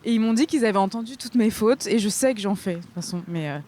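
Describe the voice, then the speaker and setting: A woman's voice: medium pitch, fast, mellow. Chatty young woman outdoors. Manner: chatty, laughs often, trailing filler-heavy talk. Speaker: podcast co-host. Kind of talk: casual chat. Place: outdoors by a river, windy.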